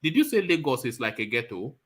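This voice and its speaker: Bright-voiced probing male talk-show host. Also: mid-range voice, very animated, fast. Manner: probing, teasing, persistent questioning. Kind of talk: challenging political debate.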